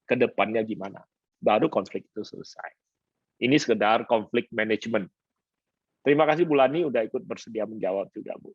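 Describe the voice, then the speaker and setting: A male pastor teaching a conference session, lively and animated, mixing in English words and acting out quoted couples. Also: breathy edge, dry recording, highs cut off. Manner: lively, acts out quoted couples in higher voices; mixes English words into speech. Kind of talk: seminar teaching talk. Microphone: conference stream.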